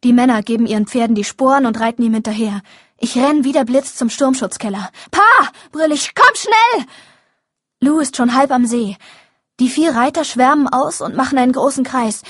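Sex: woman. Role: audiobook narrator. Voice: husky, fairly high. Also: brisk, no room sound, clean studio sound. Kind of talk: first-person audiobook narration.

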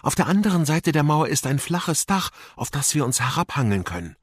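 A man voicing a clever, brave young girl who talks urgently and in a hushed way, in a storybook reading. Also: a little high, big pitch swings, brisk, slightly rough, no room sound, clean studio sound, pitched above the performer's own voice.

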